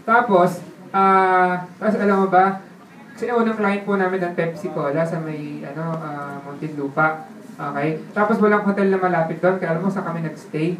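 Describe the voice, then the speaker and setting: A man telling his life story in a casual way, laughing often and checking in with the listener through quick tag questions. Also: high-pitched, fairly even intonation, crowd noise. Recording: roomy sound from a distant mic with faint ambience.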